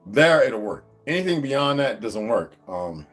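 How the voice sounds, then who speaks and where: A male vlogger at home, very animated and at a measured pace with music behind him, chats casually with his viewers. His rambling talk meanders from topic to topic with many restarts, and he talks to his dogs in a high, coaxing voice.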